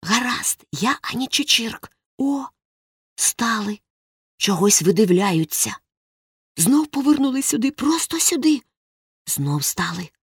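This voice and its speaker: A woman doing boy Tom, hushed and excited. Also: fairly high pitch, slow pace, husky, no echo, studio quality, pitched above the performer's own voice, heavily acted. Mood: tense whispering. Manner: hushed excited boy's whisper. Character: frightened boy Tom, bold and eager.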